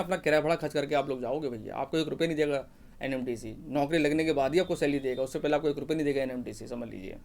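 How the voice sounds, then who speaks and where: A man explains an application form in rapid, casual speech, his voice sitting a little high for a man. He keeps reassuring listeners and repeats his check-in phrase as he guides them through each step. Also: darkish tone. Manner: repeats "ठीक है ना" often, advising and reassuring. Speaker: exam guidance teacher. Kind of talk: informal Hindi explainer for job aspirants.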